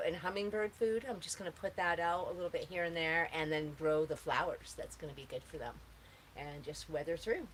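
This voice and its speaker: Woman, somewhat low voice, stoner-ish rambling chat, easygoing, faint outdoor background noise. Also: fairly bright tone, low-quality recording. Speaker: host answering gardening questions.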